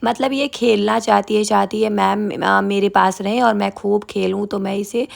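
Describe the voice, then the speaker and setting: A woman's voice: mid-range voice, steady tone, moderate pace, vocal fry. A woman teacher giving a chatty, fond voice-over narration for her vlog about the children she teaches.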